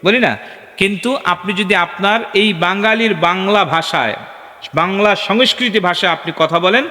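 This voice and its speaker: A male preacher giving an animated sermon at a gathering, asking the crowd questions and chanting verses in a sung tone. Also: high voice, moderate pace. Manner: animated, asks the crowd questions and calls for responses. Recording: echoey hall with long reverb.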